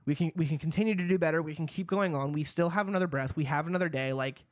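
A man's voice: fairly high pitch, fast talker, dry recording, clean studio sound. A man hosting a casual solo podcast, rambling loosely, swearing freely and breaking into hyped-up bursts. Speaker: podcast host.

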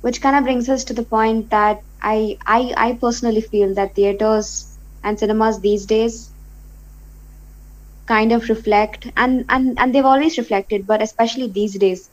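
Young woman from India, articulate co-host, slightly high voice, dull lo-fi recording. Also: fairly even intonation, normal speed. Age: young adult. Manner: articulate, repeats words when restarting. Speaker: podcast co-host. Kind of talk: casual discussion.

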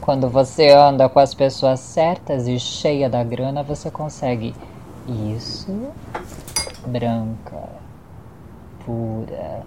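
A woman's voice: rumbling low, slow pace. A woman playing a haughty, sardonic, sadistic vampire in a radio soap opera, with a disdainful theatrical delivery. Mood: seductive, smug. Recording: faint background noise.

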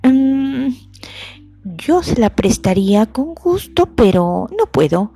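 A woman's voice: fairly high pitch, big pitch swings, takes it slowly, gravelly, soft background music, voice pushed up, heavily acted. A woman voicing a kind, apologetic mother possum. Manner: gentle, apologetic. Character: kind mother possum playing with her babies.

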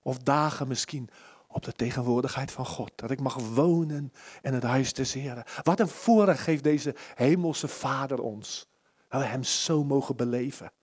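A man preaching a sermon at a church service, impassioned, moving between loud pleading and hushed near-whispers. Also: medium pitch, normal speed, husky.

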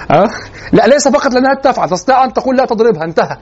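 A man giving a classroom lecture on classical poetry, often stopping to ask the class whether it is clear. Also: very high voice, animated, rapid-fire. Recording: dull lo-fi classroom recording.

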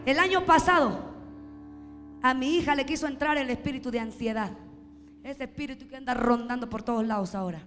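A woman with a Mexican accent preaching a sermon, impassioned and often shouting in drawn-out, sing-song calls. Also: high voice. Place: church hall. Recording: echoey hall with music behind.

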